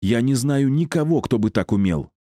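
A man's voice: medium pitch, expressive, moderate pace, dark tone, no echo, clean studio sound, voice pushed up, lightly acted. A man voicing a tough young woman who talks through clenched teeth. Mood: tense.

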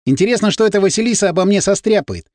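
Brief: male narrator, fairly high voice, very lively intonation, dry close sound. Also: racing, dry recording. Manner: expressive, storytelling. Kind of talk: audiobook narration.

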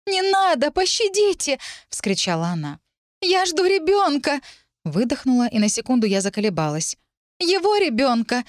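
A woman's voice: medium pitch, animated, fast talker, hardly any pauses, a little mellow, dry recording, clean studio sound, close to an everyday voice. A woman reading an audiobook, voicing a crying young woman who pleads and gabbles through sobs. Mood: hysterical. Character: sobbing young golden-haired mistress.

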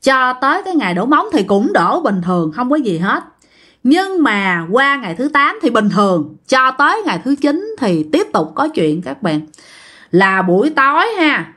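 A woman's voice: a little high, very animated, moderate pace, fairly bright tone. A woman with a Southern Vietnamese accent telling a ghost story casually, chatting straight to her listeners.

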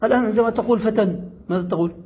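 A man leads a grammar lesson in a classroom, reading a passage and then working through it with his students. His voice sits high and sounds husky. The recording is dull and lo-fi. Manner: reads a passage, then explains it slowly with questions to students. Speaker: Arabic grammar teacher. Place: classroom or study circle.

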